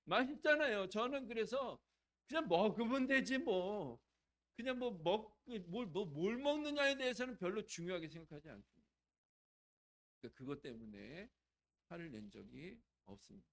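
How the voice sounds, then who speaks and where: A middle-aged male pastor preaches with a fairly high voice that rises and falls a great deal. He chats with his congregation and puts questions to them, dropping to a hush and then bursting out loud. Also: normal speed. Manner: swings from hushed to loud and animated. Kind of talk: sermon.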